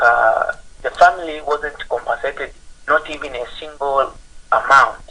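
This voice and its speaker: A man's voice: mid-range voice, pushed and bright, a little hiss or hum. Man on a clipped phone line. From Zambia. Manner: halting, with many pauses and restarts. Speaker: caller. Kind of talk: call-in question on live television.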